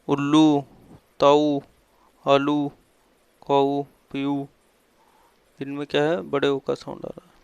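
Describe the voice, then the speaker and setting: A man's voice: on the high side, vocal fry, clean tone, dry recording. A man teaching a lesson, asking questions and answering them himself, with frequent fillers and drilled repetition of key terms. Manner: repeats and stresses key terms like a classroom drill. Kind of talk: explaining a lesson on Hindi vowel endings.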